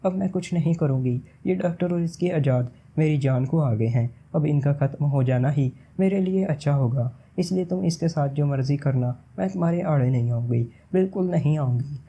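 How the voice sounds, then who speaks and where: Man voicing a tearful pleading princess, mellow low-toned storybook reading, fairly high voice. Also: hardly any pauses, slightly rough. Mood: earnest. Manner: tearful, begging. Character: desperate princess pleading for her mother.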